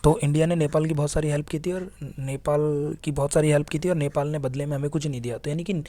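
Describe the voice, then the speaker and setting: A man's voice: fairly high pitch, steady tone, fast, dark tone. A young man teaching economics in a casual classroom lecture, writing on a board as he talks, asking questions and answering them himself in a chatty way. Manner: chatty, asks and answers his own questions, voices imagined students.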